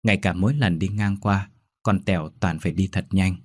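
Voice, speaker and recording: Deep husky male storyteller. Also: steady tone. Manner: measured storytelling. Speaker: narrator. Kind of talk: scripted ghost story narration.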